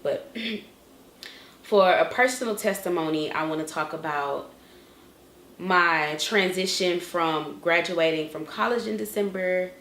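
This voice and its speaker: A woman's voice: sits low, fairly bright tone, echoey room, slight background noise. A young woman vlogging an earnest, emotional faith testimony, often restarting her sentences. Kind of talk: inspirational faith vlog.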